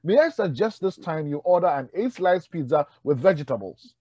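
A man voicing a calm, polite, all-knowing artificial intelligence that takes pizza orders in a joke. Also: on the high side, normal speed, slightly rough, dry recording, lo-fi sound.

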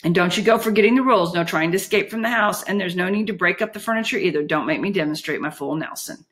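A woman's voice: fairly low pitch, fast, fairly bright tone, lightly acted. A woman voicing a tough young female bodyguard who mocks and scolds the prisoner. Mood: mocking. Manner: mocking, breathless, scolding.

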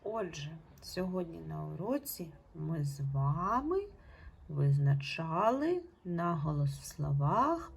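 Slow, patient woman teacher, husky voice. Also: sits low. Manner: slow, patient, clear instructions with pauses. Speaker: primary school teacher. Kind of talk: recorded online lesson for children.

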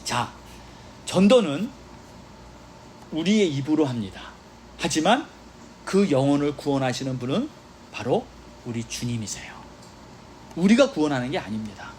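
A man's voice: on the high side, moderate pace, pauses often, a little hiss or hum. A male pastor preaching a sermon, telling stories with quoted dialogue and calling for responses from the congregation. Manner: animated storytelling preacher with exclamations and quoted dialogue. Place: church sanctuary.

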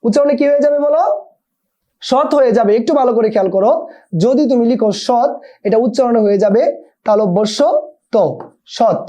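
A man's voice: very high-pitched, a little fast, long pauses, warm tone. A male teacher gives an exam-prep lesson and keeps asking students to repeat words back to him. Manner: drills students with repeated call-and-response questions. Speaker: Bangla teacher. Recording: dull lo-fi recording.

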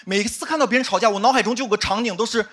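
A man's voice: sits high, rapid-fire, husky. A man doing a stand-up set on a studio stage, chatty and confiding, often asking the crowd "you know?". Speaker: stand-up comedian. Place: studio stage with live audience. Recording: loud audience laughter and noise.

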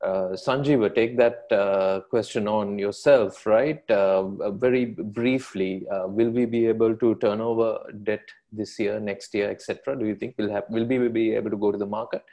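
A man with a Sri Lankan English accent moderating a video call panel, asking brisk questions. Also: lowish voice, fairly even intonation, mellow. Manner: brisk questioning, short acknowledgments.

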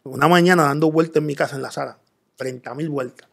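Man, raised gravelly voice, earnest interview guest recounting his story. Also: on the high side, fast. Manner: earnest storytelling, quoting himself in dialogue. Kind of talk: personal testimony in interview.

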